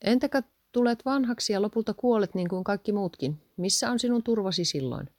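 A woman reading aloud and voicing a patient wife who calmly reasons and adds up sums. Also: mid-range voice, no echo, clean studio sound, voice pushed up, natural voice. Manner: calm, persistent, counting sums aloud.

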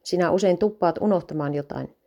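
A woman's voice: lowish voice, dark tone, highs cut off, lightly acted. A woman reading as a stubborn teasing young dad.

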